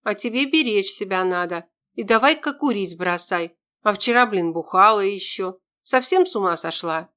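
A rowdy, blunt woman soldier , as a woman narrating a storybook puts her on. She talks brashly and crudely, loud and direct, in a voice of middle pitch. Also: animated, normal speed, few pauses, close to an everyday voice. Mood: bossy.

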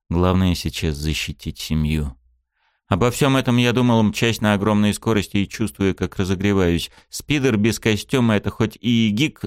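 Resonant low male audiobook narrator. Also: smooth, no echo, clean studio sound. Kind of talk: scripted first-person narration.

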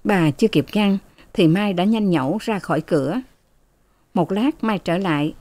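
A woman narrating a novel as an audiobook, in a measured storytelling manner. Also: mid-range voice, dark tone, no room sound.

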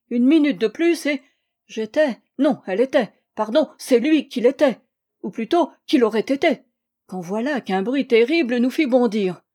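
Expressive woman reading a classic tale. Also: a little high. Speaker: audiobook reader. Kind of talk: literary audiobook narration.

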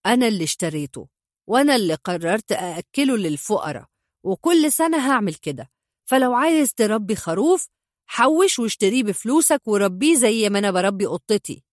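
A stern Egyptian father who answers everything with icy calm, read by a woman in her own voice. The delivery is measured and cutting, in a dry, close recording. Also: mid-range voice, no room sound, close to an everyday voice. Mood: cold calm. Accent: Egyptian Arabic.

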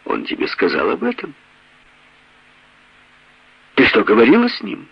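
A man's voice: huge pitch swings, unhurried, creaky, husky, dry recording, exaggerated voice. A man reading an audiobook and voicing a hysterical young woman who giggles and sobs. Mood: mocking. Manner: shrill, mocking, near laughter and tears. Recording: dull lo-fi audio.

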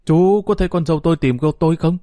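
A man's voice: on the high side, quick pace, mellow, no room sound, studio quality, pitched above the performer's own voice, lightly acted. A man narrating a story voices an old grandfather, anxious and choked with tears, pleading as he calls out. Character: anxious grandfather, tearful and frail.

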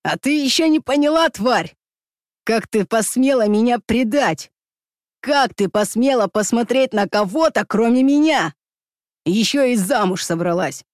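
A woman's voice: on the low side, measured pace, darkish tone, dry recording, clean studio sound, voice pushed down, close to an everyday voice. A woman voicing a brutal, obsessed young male kidnapper who hisses and snarls threats. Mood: furious.

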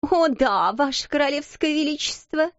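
A woman's voice: a little high, normal speed, darkish tone, no room sound, lo-fi sound, voice pushed up, lightly acted. A woman doing a sneering spiteful schoolgirl. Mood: mocking. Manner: sneering, mocking. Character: spiteful mocking older schoolgirl.

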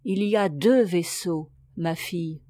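Woman reader voicing a gentle, grave old monk; slow and mellow, storybook. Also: on the low side, dry recording, studio quality, pitched below the performer's own voice, natural voice.

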